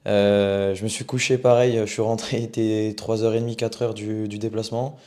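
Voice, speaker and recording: Laid-back young French man, low mellow voice. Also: normal speed. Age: young adult. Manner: relaxed, chatty, trails off with fillers. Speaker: co-host. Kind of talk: casual live stream chat.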